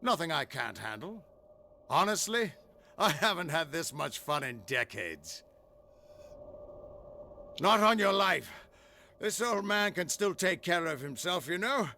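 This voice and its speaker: An actor playing a cheerful, boastful old male fighter in a video game, with a gravelly voice. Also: on the high side, big pitch swings, a little slow, bright, forceful tone, a little hiss or hum, exaggerated voice. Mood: jovial. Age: older. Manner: jovial, boastful.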